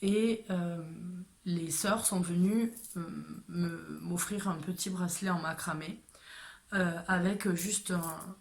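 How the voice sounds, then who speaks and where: Femme à la voix grave, hésitante. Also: female voice, on the low side, steady tone, takes it slowly. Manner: hesitant, many fillers and restarts. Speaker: channel host telling a personal story. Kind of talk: casual storytelling to camera.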